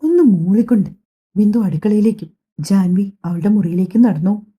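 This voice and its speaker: A woman's voice: medium pitch, animated, moderate pace, husky, muffled recording. A woman narrating an audiobook family drama, reading the dialogue in as she goes. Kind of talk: scripted story narration voicing all characters.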